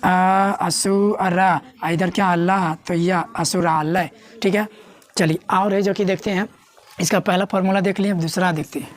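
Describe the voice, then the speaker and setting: A young woman teaching a grammar lesson at a board. She repeats key words, asks her students questions and slows down to spell out words syllable by syllable. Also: fairly low pitch, fairly even intonation.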